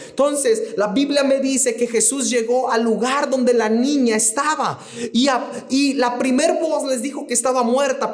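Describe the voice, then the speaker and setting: A man preaching a sermon as co-pastor, fervent, repeating phrases and slowing down to stress quoted words. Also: extremely high pitch.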